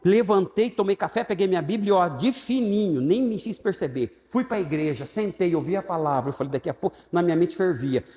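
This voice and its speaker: A man with a Brazilian Portuguese accent teaching Sunday school, telling his testimony as an animated storyteller who acts out the voices of people in it. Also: sits high, brisk, hardly any pauses. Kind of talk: sermon-style personal testimony. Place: church hall. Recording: echoey church hall with long reverb.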